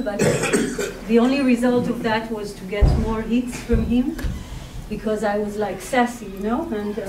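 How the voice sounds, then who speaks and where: A woman with an Israeli accent talks reflectively to an audience, pausing often and searching for words. Her voice sits fairly high. She is picked up from a distance, with roomy echo around her. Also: background noise. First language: Hebrew. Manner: reflective, hesitant, many pauses and fillers. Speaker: sex and relationship therapist. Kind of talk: personal talk to an audience. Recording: distant mic in an echoey room.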